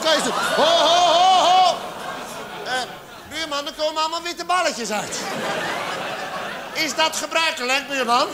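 A man performing a stand-up cabaret monologue on a theatre stage, acting out characters with sudden exaggerated shouts. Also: extremely high pitch. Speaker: comedian. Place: theatre stage with live audience. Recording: live theatre recording, audience laughter, background noise.

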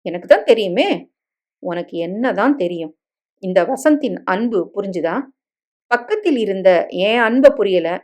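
A woman voicing a devoted young husband in a dramatic story reading, soft and coaxing in manner. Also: medium pitch, animated, a little slow, lightly acted.

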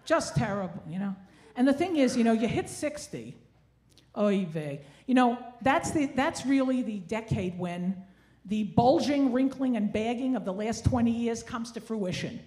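A woman's voice: fairly high pitch, lively intonation, normal speed, dark tone. A woman in her sixties doing stand-up comedy into a handheld stage mic, with wry, self-deprecating, Yiddish-inflected kvetching. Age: 60s. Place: theatre stage, indoors. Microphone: handheld stage microphone. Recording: live stage ambience with clear noise.

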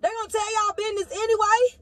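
A woman vlogger ranting to her viewers on her phone. She is animated and swings between loud outbursts and low muttering. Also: quick pace. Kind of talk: heated casual rant to camera.

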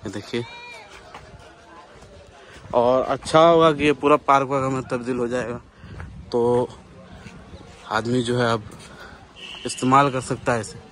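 Chatty vlogger pointing things out. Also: male voice, mid-range voice, fairly even intonation, a little slow, long pauses, a bit bright, a little hiss or hum. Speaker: vlogger and interviewer. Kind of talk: walking tour vlog commentary. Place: outdoors walking around an old bungalow compound. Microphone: phone camera held by the speaker.

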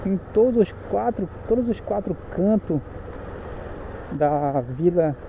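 A chatty man with a Paraense Brazilian accent, a little higher-pitched than most men, talks while riding a motorcycle through the streets. He jokes and corrects himself as he goes. The sound is muffled, with loud engine and traffic noise behind him. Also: animated, takes it slowly, vocal fry. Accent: Paraense Brazilian Portuguese. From Pará, Brazil. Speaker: motorcycle vlogger. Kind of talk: casual chat while riding.

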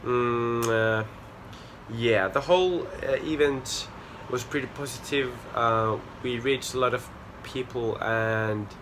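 Speaking in a mid-range voice over a noisy background, a young charity walker from Finland vlogs to a camera held close while standing on a small outdoor porch. He's earnest, a touch sheepish, and pauses with fillers in his casual, Finnish-accented talk.

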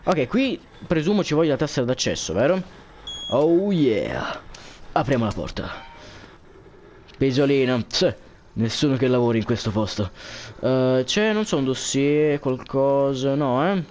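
A man's voice: medium pitch, expressive, a little slow, a little mellow, a little hiss or hum. A man commenting on a horror game for viewers, jumpy and joking, swearing often at what scares him. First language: Italian. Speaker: gameplay commentator.

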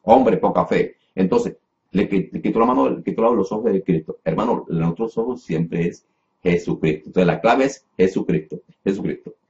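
A man's voice: on the low side, warm tone. A man preaching a Bible lesson in a sermon style, repeating phrases and restarting often, calling listeners brother. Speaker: preacher teaching a class. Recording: dull lo-fi recording.

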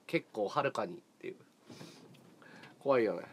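A man hosting a livestream, chatting casually with viewers in a relaxed way, often chuckling and thinking aloud. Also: on the low side, moderate pace, slightly rough. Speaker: livestream host.

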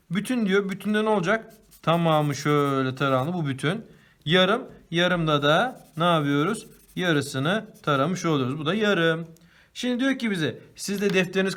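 A man's voice: a little high, fairly bright tone. A male teacher giving a primary school math lesson, asking the class questions and answering them himself while he draws and colors. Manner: talks while drawing and coloring on the board.

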